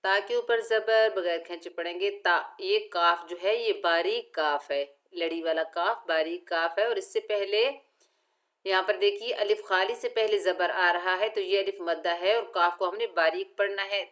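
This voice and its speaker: A woman teaching Quran recitation with tajweed, patiently explaining each letter and then chanting each word slowly and drawn out. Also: mid-range voice, a bit bright. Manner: patient, methodical instruction. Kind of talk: slow step-by-step recitation lesson.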